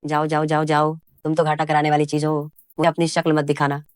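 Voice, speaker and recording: A woman's voice: low-pitched, completely flat delivery, brisk, dry recording, close to an everyday voice. A woman voicing a greedy, harsh mother in a dubbed drama who scolds her daughter. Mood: scolding.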